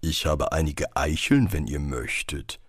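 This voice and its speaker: A man reading an audiobook, voicing a friendly talking tree with a calm, obliging manner. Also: extremely low pitch, measured pace, husky, dry recording, clean studio sound, voice pushed down, full character voice.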